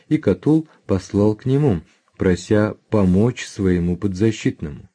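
A man reading a history book aloud as scripted narration, announcing page numbers and footnotes in a measured, even way. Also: on the low side. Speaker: audiobook reader.

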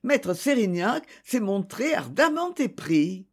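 A reader voicing Édith, a reserved young woman who answers questions in a hesitant, measured way. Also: medium pitch, very animated, breathy edge, full character voice. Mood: guarded.

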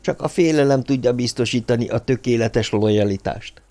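A man reading a novel aloud as audiobook narrator, in an even, measured way. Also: mid-range voice.

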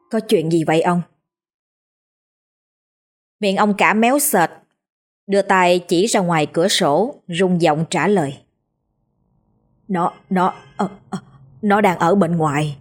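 A woman narrating a ghost story in a deliberate, suspenseful tone. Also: medium pitch. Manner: slow, deliberate, suspenseful telling.

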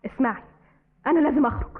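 A woman's voice: high-pitched, very fast, husky. An actress playing a desperate young orphaned girl in an Egyptian Arabic radio drama from the 1950s, emotional and pleading. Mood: rebellious. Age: young adult. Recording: thin old radio broadcast, phone-like.

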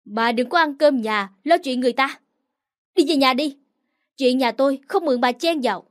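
A woman's voice: high-pitched, normal speed, dry recording, studio quality, lightly acted. A woman doing a blustering, defensive brother. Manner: rough, blustering. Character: brash, defensive young man, the narrator's brother.

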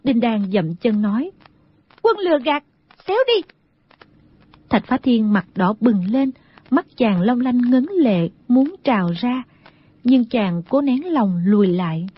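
A woman reads a novel aloud in steady scripted narration. Her voice sits a little high and sounds husky. The recording is dull and lo-fi. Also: unhurried, no echo. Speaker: audiobook narrator. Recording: dull lo-fi audio.

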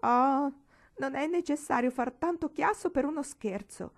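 A woman's voice: a little high, normal speed, a little mellow, voice pushed up, natural voice. A woman reading aloud, voicing a proud, pious young girl who scolds sharply and sulks. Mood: tearful.

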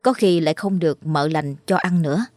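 A woman narrating a ghost story in a slow, mournful storytelling manner. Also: sits low, a little mellow, no echo.

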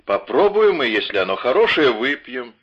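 A man's voice: mid-range voice, big pitch swings, normal speed, breathy edge, pitched above the performer's own voice. A man reading the part of a blunt, carefree burly musketeer in an audiobook, hearty in manner. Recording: dull lo-fi audio.

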